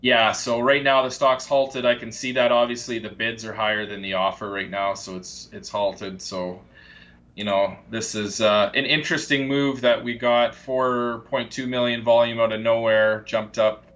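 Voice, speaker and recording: A man on a live investing show, calmly explaining trading ideas step by step with frequent fillers. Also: medium pitch, normal speed, lo-fi sound. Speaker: market commentator. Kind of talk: casual explanatory chat.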